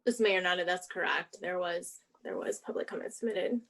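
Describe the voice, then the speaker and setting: A woman's voice: lowish voice, fairly quick, creaky, fairly bright tone. A woman mayor chairing a city commission meeting, speaking politely and procedurally.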